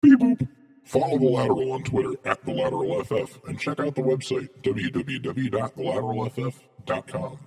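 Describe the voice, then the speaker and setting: A man's voice: mid-range voice, big pitch swings, fairly quick, a little mellow. A man playing a beeping robot announcer. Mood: chirpy. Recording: long reverb from afar.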